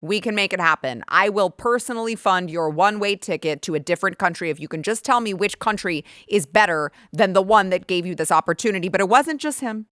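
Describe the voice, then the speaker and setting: A woman's voice: mid-range voice, a little fast, few pauses, a bit bright, dry recording, clean studio sound. A woman hosting her own show, giving sarcastic, emphatic and indignant political commentary. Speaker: show host.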